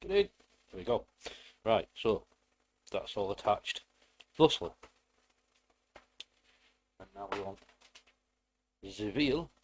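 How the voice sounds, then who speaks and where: Low-pitched British man, rambling build tutorial. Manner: rambling, self-deprecating, playful asides. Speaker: hobbyist presenter. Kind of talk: casual hands-on build tutorial.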